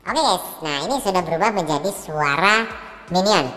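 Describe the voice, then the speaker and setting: A man voicing a small silly cartoon Minion through a voice changer that makes his voice higher and cartoonish. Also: animated, moderate pace, sharp tone, big-room sound, soft background music. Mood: playful demonstration. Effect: voice-changer filter, higher cartoonish voice. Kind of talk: software demonstration chat.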